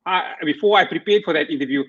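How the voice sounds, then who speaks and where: A man's voice: fairly high pitch, fast, fairly bright tone, highs cut off. A young man hosting a career podcast over a video call, wearing headphones in a small room, with a friendly, slightly rehearsed delivery. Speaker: podcast host. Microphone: headphones with video call audio.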